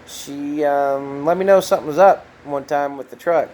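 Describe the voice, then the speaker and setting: A middle-aged man, talking to camera in a casual, heartfelt way, soft-spoken and halting, with many pauses and restarts. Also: fairly high pitch, slight background noise, low-quality recording. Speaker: trucker vlogger.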